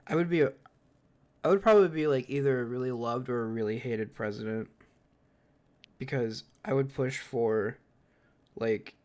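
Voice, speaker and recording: A man with a mid-range voice talks as a podcast co-host. He rants with animated opinions, swears often and speaks in a loose, casual way. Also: mid-range voice, normal speed, long pauses. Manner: animated, ranting, swears freely. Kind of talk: casual chat.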